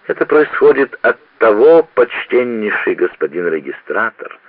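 A man's voice: on the low side, husky, phone-quality sound, heavily acted. A man doing a dreamy young student.

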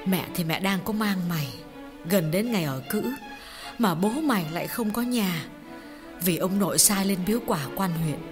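An audiobook voice actor with an animated, natural, mid-range female voice reads a drama at normal speed, playing a grieving middle-aged mother recounting a family tragedy. Long reverb and faint music fill the recording.

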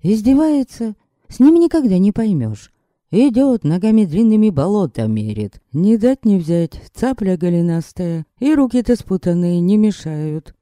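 A man voicing a young woman, an earnest heroine, who mutters wary, sharp thoughts about her companion. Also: high voice, sing-song, normal speed, no room sound, studio quality, pitched above the performer's own voice. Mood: suspicious.

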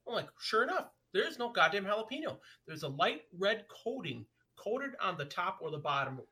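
A man's voice: high voice, sing-song, a little fast, bright, forceful tone. A man chatting casually as a podcast co-host, telling a story emphatically, swearing and repeating himself. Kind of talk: casual chat.

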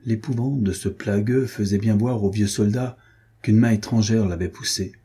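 Male audiobook narrator, husky and mellow, measured delivery. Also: fairly low pitch, fairly even intonation. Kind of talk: scripted narration of a classic novel.

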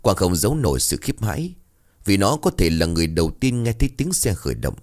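Low-voiced man telling a ghost story. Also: big pitch swings, fast talker, darkish tone. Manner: dramatic, suspenseful storytelling. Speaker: narrator.

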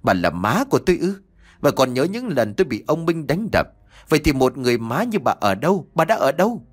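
A man's voice: fairly high pitch, sing-song, brisk. A man doing a raging unhinged young man. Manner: shouting accusations, ranting.

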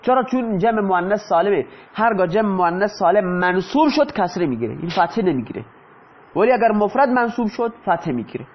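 A high-pitched male teacher explains grammar step by step. He keeps posing questions to the class and answering them himself. The recording sounds dull and lo-fi. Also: sing-song, breathy edge. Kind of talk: explaining lesson in Persian.

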